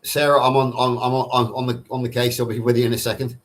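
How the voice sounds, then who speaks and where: A fast talker with a mid-range voice and level tone, this middle-aged man from Somerset, England, answers viewers' questions in casual live chat as a livestream panel participant. His Southern English accent is nondescript, and his replies are wordy and full of self-rephrasing.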